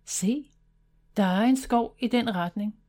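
A woman's voice: a little high, warm tone, natural voice. A woman voicing a bold, decisive older sister in a children's storybook, speaking firmly. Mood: determined.

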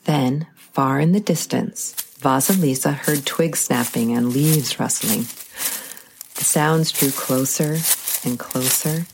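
A woman narrating a folk tale in a measured, dramatic storytelling style. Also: rumbling low, vocal fry, noisy background.

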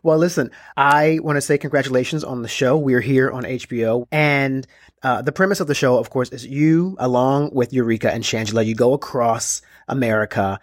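Relaxed slangy male interviewer, dry sound. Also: mid-range voice, fairly quick, dry recording. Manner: relaxed, slangy, laughs easily. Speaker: interviewer, host. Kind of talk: casual interview.

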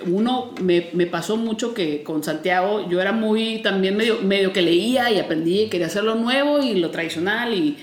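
A woman's voice: mid-range voice, moderate pace, few pauses. A Mexican woman in her forties tells stories about her kids in a casual chat, slipping into the voices of the people she quotes. Her voice sits in the middle range. The room behind her is echoey. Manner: animated storytelling, acting out quotes.

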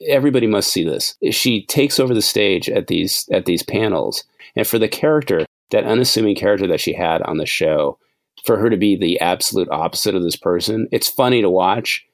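A man's voice: deep voice, fairly quick, dry recording. A man co-hosting a podcast in casual chat, rambling and laughing. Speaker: podcast co-host.

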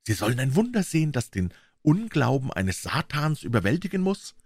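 A man's voice: medium pitch, sing-song, moderate pace, dry recording, studio quality, voice pushed up. A man voicing a sinister, feverish male visitor who tempts and commands in urgent, theatrical declamation. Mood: menacing.

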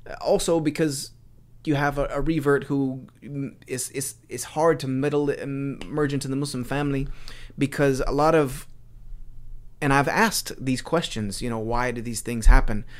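A man speaking as a guest on a podcast, earnest and animated as he tells his stories. His voice sits in a middle pitch, and he often restarts his sentences mid-thought. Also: moderate pace. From United States. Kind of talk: casual chat.

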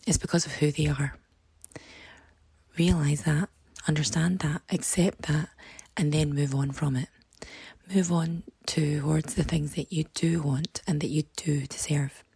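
A woman with a low, croaky frog voice speaks a reflective podcast monologue. She is hoarse and heavily gravelled, often fading toward a breathy near-whisper. The sound is close and dry, and her advice is earnest and reassuring. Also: dark tone, dry recording. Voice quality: croaky, froggy voice. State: hoarse, voice partly lost. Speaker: podcast host.

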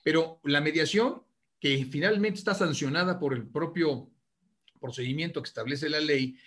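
Lawyer on a panel, a bit high-voiced, explains at length, restarts phrases. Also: male voice, normal speed, a bit bright. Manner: explanatory, repeats words at the starts of phrases.

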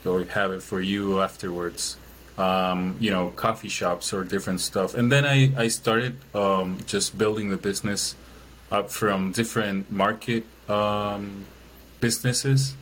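A man's voice: on the low side, steady tone, measured pace, fairly bright tone, a little hiss or hum, rough recording. A man from Chile, a guest in an interview, talking casually with many fillers and restarts. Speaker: guest, business owner.

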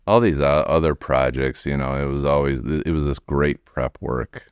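A man in his forties with an American accent, telling his story casually in a halting, rambling way as an interview guest. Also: extremely low pitch, smooth, dry recording, muffled recording. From United States, Wisconsin. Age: 40s. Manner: rambling, halting, frequent "you know". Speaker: podcast guest, remodeling tradesman.

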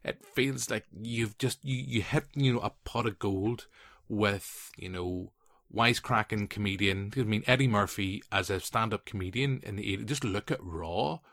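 A man in his late thirties hosts a casual film podcast, talking in a fairly low voice. He tells animated stories full of asides and restarts. The sound is dry and close, with no room around it. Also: moderate pace, dry recording. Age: 30s. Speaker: podcast host.

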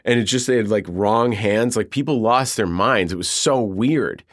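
A man's voice: on the low side, no echo. Guy director on an interview, swears a lot, blunt, dry close sound. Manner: blunt, profane, fast-flowing storytelling. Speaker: film director guest. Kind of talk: casual interview talk.

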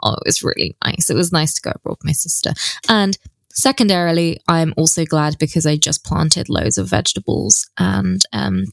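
A woman's voice: deep voice, big pitch swings, normal speed, gravelly, dry recording, studio quality. A woman co-hosting a podcast, chatting in an easygoing, cheerful way. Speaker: podcast co-host. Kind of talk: casual chat.

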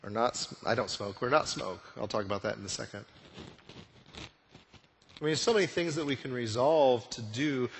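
A man's voice: medium pitch, moderate pace, long pauses, slight background noise. Man preaching in a reverberant hall. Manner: conversational preaching, rhetorical questions. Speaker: pastor. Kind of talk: sermon. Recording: long reverb of a church hall.

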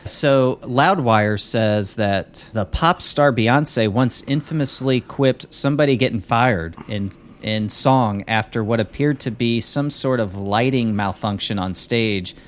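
A man's voice: mid-range voice, unhurried, few pauses. A man co-hosting a podcast in casual chat, rambling with lots of fillers and restarts. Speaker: podcast co-host.

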